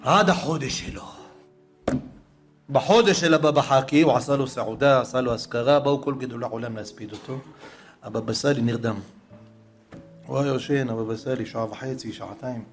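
A man preaching a sermon through a story, moving between hushed passages and raised, fervent ones. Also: medium pitch, pauses often, soft background music.

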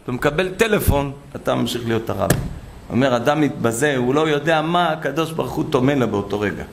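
A man preaching a sermon full of stories, animated and acting out the voices of the people in them. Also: mid-range voice, creaky, slight background noise. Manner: animated, acts out quoted voices. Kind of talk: sermon with storytelling.

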